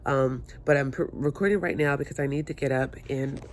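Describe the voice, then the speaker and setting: Talking fast and steadily in a very deep voice, a stuffy, hungover woman rambles to camera on her phone at home near the windows. The casual vlog is chatty and self-mocking, and a little hiss or hum comes through the held or propped phone.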